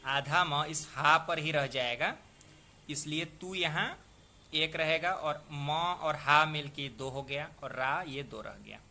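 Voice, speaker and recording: A man teaching the rules of poetic meter in a patient lesson, repeating words and sounding them out slowly. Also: on the high side, sharp tone. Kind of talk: explanatory lesson.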